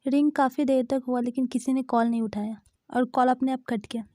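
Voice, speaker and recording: ऊँची आवाज़ वाली कहानी सुनाती महिला. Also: female voice, high voice, fairly even intonation, fairly quick, warm tone, no echo. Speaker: storyteller. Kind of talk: Hindi fan-fiction narration.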